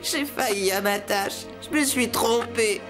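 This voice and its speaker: An actor voicing a naive, childlike, overzealous cartoon fry cook, earnest, dramatic and excitable. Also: male voice, high-pitched, a little slow, over music. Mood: distraught shame. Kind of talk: exaggerated cartoon voice acting.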